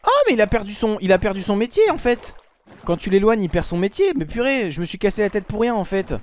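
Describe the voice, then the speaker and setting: A man recording let's play commentary, talking to his viewers and to game characters, swinging from low muttering to sudden loud outbursts. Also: sing-song, quick pace, a little hiss or hum. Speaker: gaming YouTuber.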